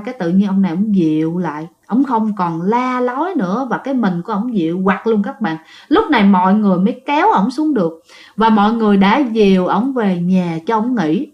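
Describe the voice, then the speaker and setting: Woman ghost-story teller, casual and chatty, somewhat high voice. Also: dull audio. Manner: chatty, addresses listeners directly.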